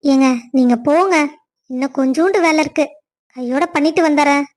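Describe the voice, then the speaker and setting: A woman's voice: high voice, brisk, a little mellow, natural voice. A woman voicing a playful young cartoon wife. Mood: teasing. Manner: teasing, cheerful. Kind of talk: cartoon story voice acting.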